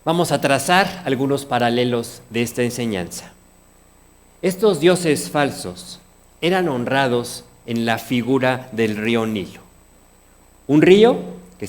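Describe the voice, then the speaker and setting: A man with a Mexican Spanish accent preaching a sermon, earnest, often asking his congregation questions. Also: mid-range voice. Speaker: pastor.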